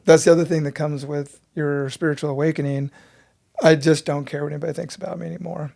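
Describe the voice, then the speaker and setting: Man, fifties, interview guest, earnest storyteller, even monotone delivery. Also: fairly high pitch, fast talker, vocal fry. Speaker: guest, breathwork teacher.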